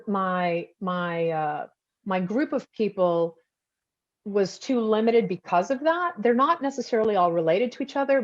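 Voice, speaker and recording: Texan woman musing over a dull video call. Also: mid-range voice. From Texas. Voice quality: reflective, rambling with many restarts. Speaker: author and documentary photographer. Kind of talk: casual talk answering audience questions.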